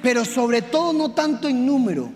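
A man preaching a sermon to his congregation, swinging from hushed confession to shouting. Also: very high-pitched, animated, normal speed. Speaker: pastor. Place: church hall. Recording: reverberant hall with faint music.

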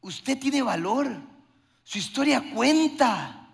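A man's voice: very high voice, expressive, takes it slowly, vocal fry. A man preaching a sermon with passion, acting out short dialogues. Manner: impassioned preaching with acted-out dialogues. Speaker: pastor. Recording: long hall reverb.

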